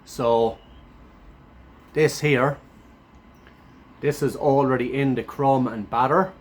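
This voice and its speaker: A man chatting casually to camera as a food reviewer, laid-back and blokey, his voice thick and hoarse from a sore throat and sounding run down. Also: medium pitch, a little hiss or hum. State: run down after a chest infection.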